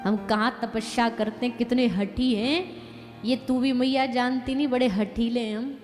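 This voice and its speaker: Lady storyteller doing a stubborn ascetic god, braj accent, bit high, long hall echo. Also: fairly even intonation, moderate pace, a little mellow, lightly acted. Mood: insistent. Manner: insistent, obstinate. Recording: long hall reverb, faint music.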